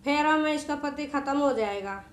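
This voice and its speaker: A stern village schoolteacher pronounces a girl's fate in a blunt, matter-of-fact way, voiced by a woman narrating a folk tale. The voice sits high and rings in a roomy space. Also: normal speed, lightly acted.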